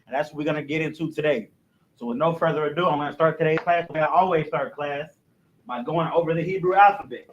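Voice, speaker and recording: At a quick pace, the man leads his recorded language class, reciting letters loudly with his pitch rising, and frequently adds "you know what I'm saying" in a dropped voice. His teaching is casual and repetitive. The highs are cut off, and there's slight background noise.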